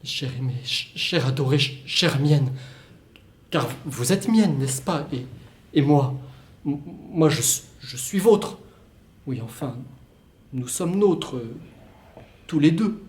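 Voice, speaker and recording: A man's voice: fairly high pitch, animated, slow, pauses often. A young man playing an anxious male lover who stammers and repeats himself as he pleads. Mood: pleading. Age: young adult. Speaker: student actor. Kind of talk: solo stage reading of a play. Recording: roomy echo.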